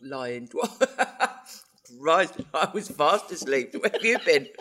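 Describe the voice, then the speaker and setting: Woman podcast co-host, bright voice, very lively delivery, giggly and teasing. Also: low voice, takes it slowly. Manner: giggly and teasing, laughs often. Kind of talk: casual chat.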